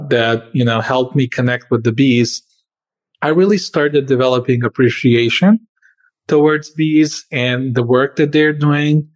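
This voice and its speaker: A company founder who grew up in Serbia answers interview questions earnestly. He speaks at medium pitch, using frequent fillers and shifting his pace often.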